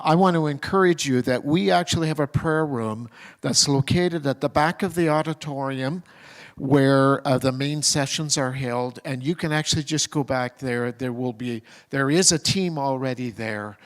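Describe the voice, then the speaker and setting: A man moderating a conference session, thanking the speaker and giving gracious, unhurried closing announcements. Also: medium pitch.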